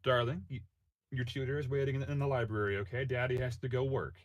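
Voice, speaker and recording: A man voicing a loving emperor who gently teases his small daughter. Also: medium pitch, fairly even intonation, fast talker, dry recording, pitched above the performer's own voice, lightly acted. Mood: gentle, coaxing.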